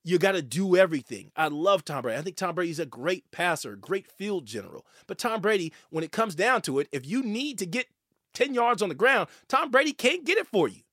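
High-voiced man ranting about sports. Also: brisk, dry recording, studio quality. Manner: animated, ranting, stammers when worked up. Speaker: sports show host. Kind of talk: opinionated sports commentary.

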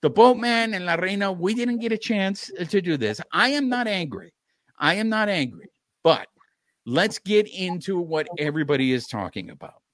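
Animated high-voiced man ranting. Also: normal speed, dry recording. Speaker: podcast host. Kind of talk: casual podcast rant.

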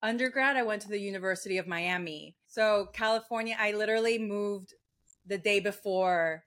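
A woman's voice: mid-range voice, normal speed, a bit bright. Woman guest, from Venezuela, reflective storyteller, mid-range voice. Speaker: guest filmmaker. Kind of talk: podcast interview.

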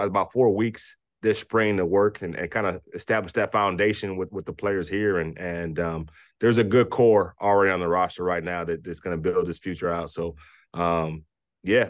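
Male basketball coach as a guest, lowish voice, halting delivery full of ums, dry close sound. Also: dry recording. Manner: halting, many fillers and restarts. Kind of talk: casual interview talk.

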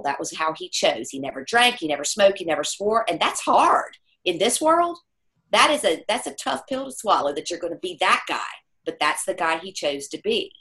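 A middle-aged woman telling a personal story in conversation, acting out the voices of the people she quotes. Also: lowish voice. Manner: animated storyteller who acts out quoted voices.

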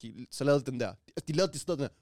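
A young man co-hosting a casual podcast, talking in a lively, slangy way and often acting out what others said. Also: medium pitch, dry recording, studio quality.

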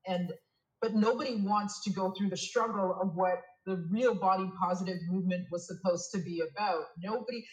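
A woman's voice: mid-range voice, moderate pace, reverberant, rough recording. A woman from Toronto talking earnestly as a podcast guest, emphatic and repeating her points. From Toronto, Canada. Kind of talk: casual interview talk.

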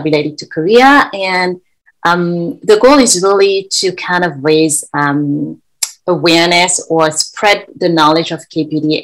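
A Senegalese woman living in Korea, a guest and event co-founder, tells stories in a casual interview with chatty enthusiasm. Her voice sits low, and the recording is rough.

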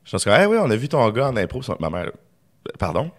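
A man's voice: medium pitch, big pitch swings, a little hiss or hum. A young Québécois man, a film director, telling stories in a casual podcast conversation and acting out quoted lines. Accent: Québécois French. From Quebec. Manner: rapid storytelling, acts out quoted lines.

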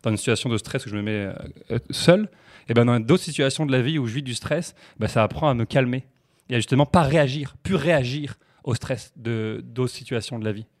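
A man talking quickly and with lots of animation on a casual podcast. He tells stories, jokes around, and often stumbles and repeats words before he gets going again. His voice sits at a middle pitch. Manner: fast, animated, jokey storytelling with repeated restarts. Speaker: podcast guest, comedian. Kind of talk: casual chat.

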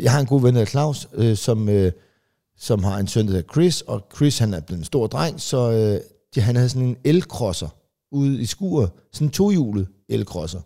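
A comedian co-hosting a podcast, telling rambling family anecdotes full of fillers and restarts. He briefly acts out relatives in quick, raised voices. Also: mid-range voice, animated, warm tone. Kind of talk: casual chat, storytelling.

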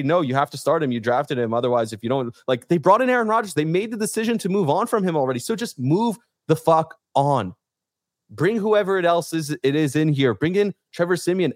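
A man's voice: fairly high pitch, no echo, clean studio sound. A man hosting a sports podcast, ranting heatedly and swearing in frustration. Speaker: podcast host.

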